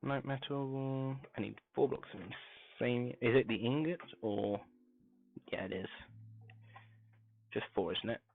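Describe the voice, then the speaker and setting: A man's voice: mid-range voice, unhurried, vocal fry, long pauses. Grainy, muffled man, as if through a wall. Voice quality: grainy voice when quiet. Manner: talks softly, mumbling to himself while crafting. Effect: muffled, as if talking through a wall. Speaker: game streamer. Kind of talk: casual live-stream gameplay commentary. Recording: muffled phone-like mic with faint music.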